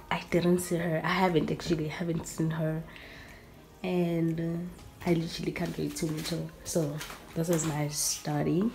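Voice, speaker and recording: A young woman from South Africa with a husky morning voice, chatting casually as she gives a room tour. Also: sits low, noisy background. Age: young adult. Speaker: YouTuber. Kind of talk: casual vlog.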